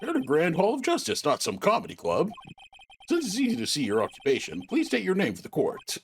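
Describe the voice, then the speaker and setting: A man voicing an impatient older male judge who scolds in a high, exasperated way. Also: wildly swooping pitch, brisk, a little hiss or hum.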